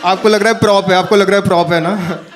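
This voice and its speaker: A man's voice: sits high, quick pace, very noisy. A man from northern India doing a stand-up comedy set, telling stories and talking to the audience. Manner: animated storytelling, talks to the audience. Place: comedy stage with a live audience.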